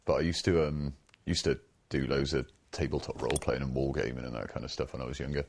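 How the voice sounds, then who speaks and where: A man's voice: extremely low pitch, steady tone, quick pace, vocal fry, noisy background. A man musing informally in a casual documentary interview about his hobby. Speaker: live role-play participant.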